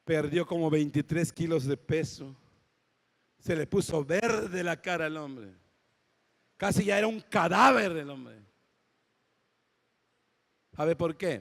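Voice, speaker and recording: A man with a Mexican accent preaching a sermon, telling dramatic stories and rising to shouted exhortation. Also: a little high, vocal fry. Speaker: pastor. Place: church auditorium. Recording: long church-hall reverb.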